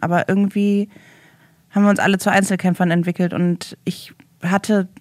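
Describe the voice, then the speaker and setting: A young woman speaking as a guest, telling a personal story in a halting way and searching for words. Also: on the low side, dry recording, studio quality.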